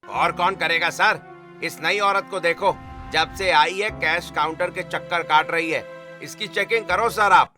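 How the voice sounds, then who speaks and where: A man plays a scheming store worker in an animated story. His delivery is sneering and bright, and it sits a touch high. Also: measured pace, soft background music. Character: scheming male store staffer.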